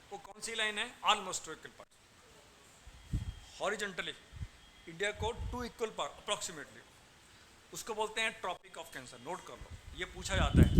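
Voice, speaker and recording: A man teaching a geography class, quizzing his students, repeating drills and calling them "beta". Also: high-pitched. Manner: calls students "beta" and "bachche". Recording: loud background noise and clicks.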